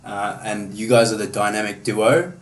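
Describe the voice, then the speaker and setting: Young Aussie bloke, loose casual podcast host, roomy distant mic with faint noise. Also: male voice, on the low side, moderate pace. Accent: Australian. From Australia. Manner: laid-back, swears a lot, many fillers. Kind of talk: casual chat.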